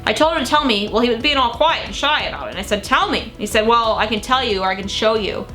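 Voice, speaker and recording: A woman's voice: a little high, animated, fast, pushed and bright, faint music behind. A young woman reading old teenage diary entries aloud in a dramatic, gushing way, breaking off for casual, sweary asides. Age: young adult. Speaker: vlogger.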